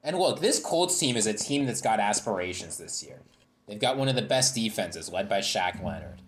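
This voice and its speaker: A man's voice: on the low side, big pitch swings, normal speed. A man in a casual sports chat, telling a story with a dramatic setup. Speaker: panelist.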